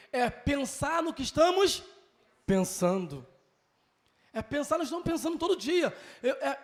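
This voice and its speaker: A man with a Brazilian Portuguese accent and a very high voice with vocal fry teaches a Sunday school Bible lesson. He is earnest, repeats key phrases, and addresses his listeners as brother.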